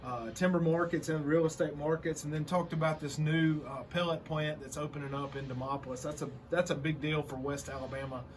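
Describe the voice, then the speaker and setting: A man's voice: fairly high pitch, fairly even intonation, a little fast, few pauses. A man co-hosting a chatty show preview teaser in an upbeat, promotional way. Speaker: show co-host. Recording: faint background noise.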